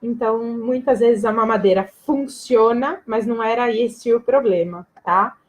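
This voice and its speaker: A woman's voice: on the high side, measured pace, poor audio. A woman giving a live-stream talk to viewers as a breastfeeding educator, explaining things plainly, checking often that she is understood and joking casually with her audience. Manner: casual and direct with viewers, jokes and laughs.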